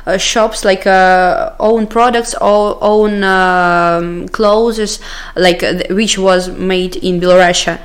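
A woman with a Russian accent talks casually in a medium-pitched voice. She is a native Russian speaker and feels her way through English hesitantly, pausing to search for words. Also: steady tone. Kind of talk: casual English conversation practice.

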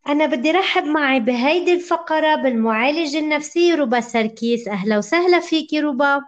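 A woman host with a Lebanese accent interviews guests at a brisk clip. Her voice sits a little high, and the sound is somewhat dull. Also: lively intonation. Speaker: show host.

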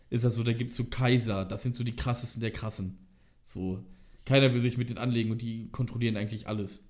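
A man chatting casually on a podcast, explaining things at length with lots of fillers and a lively, enthusiastic manner. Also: medium pitch. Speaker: podcast co-host. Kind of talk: casual chat.

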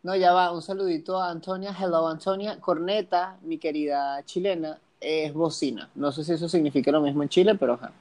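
A man's voice: a little high, steady tone, brisk, hardly any pauses, darkish tone. A Venezuelan man co-hosting a casual podcast, bantering in a playful, teasing, slangy way. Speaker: podcast co-host. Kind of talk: casual chat.

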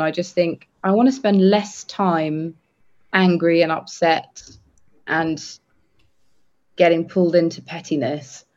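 A man co-hosting a podcast, talking earnestly and haltingly with many restarts. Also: fairly high pitch, darkish tone. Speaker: podcast co-host. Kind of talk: casual podcast chat. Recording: dull lo-fi sound.

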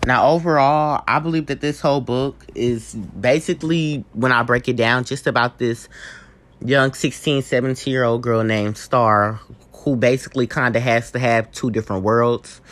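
A man at a middle pitch talks through a book in a loose, informal way. He rambles and often stops to correct himself. He sounds like a student giving a relaxed spoken review.

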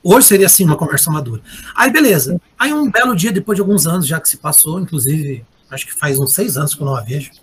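A man telling a personal story in casual conversation, animated and acting out the voices he quotes. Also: a little high, fast talker, slightly rough. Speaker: guest sharing a personal story. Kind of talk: casual confessional chat.

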